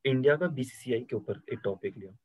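A man's voice: medium pitch, a little fast, poor audio. Young man, easygoing storytelling. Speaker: podcast guest. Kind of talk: casual chat.

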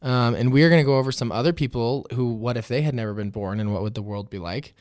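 A man hosting a casual podcast intro while sick with a fever, chatty and trailing off quietly at times. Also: mid-range voice, fast talker, no room sound, clean studio sound. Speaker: podcast host.

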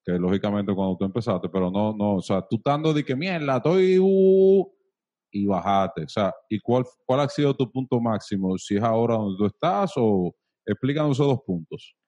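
A man's voice: on the low side, brisk, warm tone. A man hosting an interview, rambling and searching for words as he asks his questions. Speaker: interview host. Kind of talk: casual interview chat.

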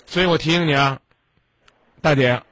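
A man's voice: on the high side, moderate pace, fairly bright tone, no echo. A man hosting a call-in advice show, lecturing bluntly with rhetorical questions. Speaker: radio advice host.

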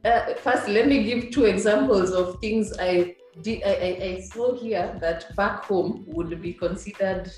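A woman from Kenya with a Kenyan accent, chatting as an interview guest and telling stories in a casual, animated way. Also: medium pitch, a little slow, hardly any pauses. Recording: echoey room with music underneath.

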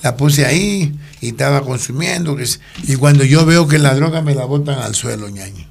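A man's voice: medium pitch, expressive, normal speed, creaky. An older man, telling his life story in an interview, rambling and restarting his sentences. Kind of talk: personal testimony in an interview.

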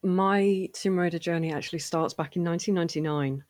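A woman chatting as a podcast guest, animated and quick to laugh, often restarting her sentences. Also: on the low side, no room sound, studio quality. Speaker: podcast guest, fan voice actor and writer. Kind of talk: casual interview conversation.

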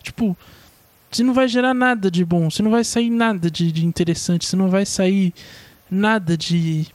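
A man's voice: high-pitched, normal speed, darkish tone, dry recording. A young man with a Brazilian Portuguese accent giving a rambling, slangy opinion monologue full of swearing.

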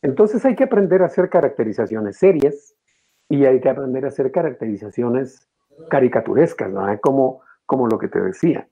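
A male voice actor talks as an interview guest, explaining his craft in an animated, teacherly way and sliding his pitch up and down to demonstrate. His tone is dark and mellow. The recording sounds muffled and lo-fi. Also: fairly quick.

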